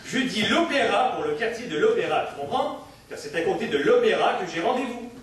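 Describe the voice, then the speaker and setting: A man's voice: high voice, sing-song, a little fast. An actor playing an evasive, glib husband who chats and laughs his way around questions, on an echoey, distant recording. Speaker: husband in a comic sketch. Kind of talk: old-time recorded comic dialogue. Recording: distant, echoey, faint hiss.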